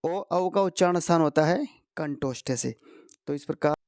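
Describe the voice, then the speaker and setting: A man teaching Hindi grammar to exam students, going slowly, posing questions and answering them himself. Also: a little high, a little mellow, no room sound, studio quality. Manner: slow, repeats key answers, asks and answers his own questions. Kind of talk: explanatory lesson for competitive exam students.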